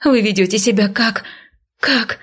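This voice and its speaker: A woman's voice: medium pitch, unhurried, a bit bright, slightly rough, voice pushed up. Woman voicing a whispering frightened young noblewoman. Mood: outraged.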